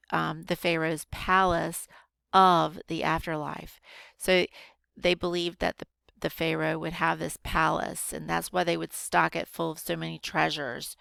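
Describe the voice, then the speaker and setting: A woman teacher patiently walking students through a grammar worksheet, slowing down to show careful reading. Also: low voice, creaky, a bit bright, smooth, no room sound. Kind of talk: recorded grammar lesson for students.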